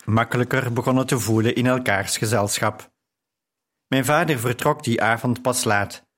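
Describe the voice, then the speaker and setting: A male narrator reading a novel aloud in the first person. His delivery is slow, calm and measured, at a middle pitch. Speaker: audiobook narrator.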